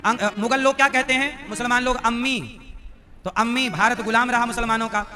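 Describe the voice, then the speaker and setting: Casting note: very high-voiced male preacher, playful quizzing of the crowd, music playing underneath. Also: fairly even intonation, a little fast, bright, forceful tone. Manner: teasing, quizzing listeners directly. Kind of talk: devotional discourse with audience questions. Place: live religious gathering.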